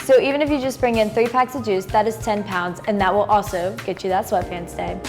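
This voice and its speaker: A woman's voice: medium pitch, fairly even intonation, a little fast, a little mellow, faint music behind. Teen girl explaining a school food drive. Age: teens. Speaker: student announcer. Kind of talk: school news segment.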